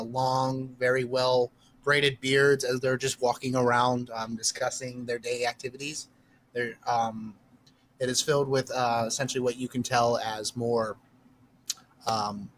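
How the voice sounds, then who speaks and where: A man narrating a tabletop game as game master, pausing often with ums while describing scenes. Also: mid-range voice, fairly bright tone, a little hiss or hum. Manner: hesitant, lots of ums and uhs while describing.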